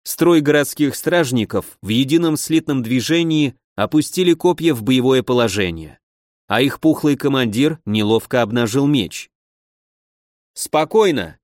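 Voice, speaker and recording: A man's voice: mid-range voice, dry recording. Man narrating an audiobook, dry sound. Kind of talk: first-person audiobook narration.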